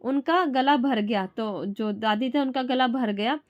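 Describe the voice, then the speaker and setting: A woman teacher reading a story passage aloud and then explaining it in simple words, often pausing and restarting. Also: a little high, muffled recording. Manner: halting, with restarts and fillers.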